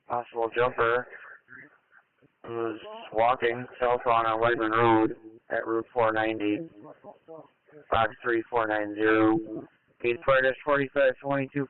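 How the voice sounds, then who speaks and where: A man's voice: medium pitch, smooth. A man working as a fire dispatcher, reading units and codes in a procedural way over a two-way radio. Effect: two-way radio transmission. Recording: narrow-band emergency scanner radio.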